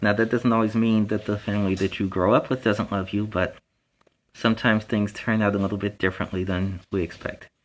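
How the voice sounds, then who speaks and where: A man's voice: lowish voice, level tone, fairly quick, natural voice. A man playing a friendly young superhero who reads a children's storybook and chats earnestly with encouraging asides. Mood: reflective, chatty. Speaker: storytime host and reader.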